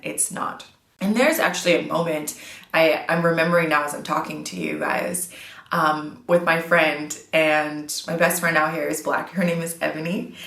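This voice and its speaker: A low-pitched woman in her thirties speaks straight to her viewers, earnest and encouraging, stressing the words that matter. Her voice rings in a roomy, echoing space. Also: fairly bright tone. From United States. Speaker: vlogger. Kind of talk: casual talk to camera.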